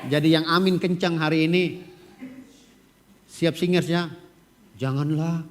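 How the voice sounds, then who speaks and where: A middle-aged male pastor with a rough voice, preaching an animated, joking sermon and calling on members of his congregation by name. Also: on the high side, measured pace, slight background noise. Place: church hall. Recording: long church hall reverb.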